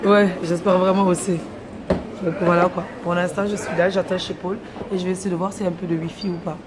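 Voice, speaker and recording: This is a casual to-camera vlog from a young woman inside an airport terminal and then a plane cabin, where she rambles about her day. She speaks quickly in a lowish, flat voice over background noise.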